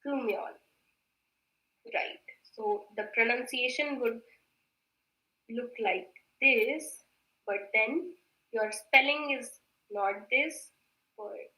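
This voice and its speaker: A woman teaching a Korean grammar class online, patient and repetitive, often clearing her throat and mixing in Hindi. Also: fairly high pitch, sharp tone, reverberant, rough recording. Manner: patient, repeats words slowly, mixes in Hindi.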